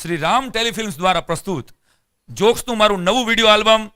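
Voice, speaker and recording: A man's voice: sits high, quick pace, pushed and bright, clear, resonant tone, no echo, studio quality. A man reading a scripted promo announcement in a punchy, salesy way.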